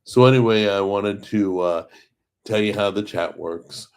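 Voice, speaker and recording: A middle-aged man hosting a cooking channel livestream speaks in a very low, hoarse, weakened voice, the result of a paralyzed vocal cord. His tone is darkish and a little slow, and he rambles in a chatty, casual way, pausing to greet viewers by name.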